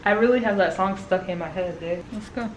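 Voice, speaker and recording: A woman vlogger chatting casually to her camera, telling stories in an animated way and laughing often. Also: on the low side, brisk, very noisy. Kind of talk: casual vlog chat. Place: at home and around her apartment. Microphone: handheld camera.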